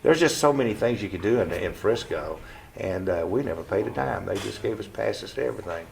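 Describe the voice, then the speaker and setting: A low-voiced man in his seventies talks in a relaxed interview at home. He speaks bluntly and a little coarsely, and he often trails off and starts over with "uh". A faint hiss of noise sits under his voice. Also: vocal fry. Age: 70s. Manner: halting, with frequent restarts and "uh"s; plain-spoken and blunt, with mild cursing. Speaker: veteran being interviewed. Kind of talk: casual oral-history interview. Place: living room of his home.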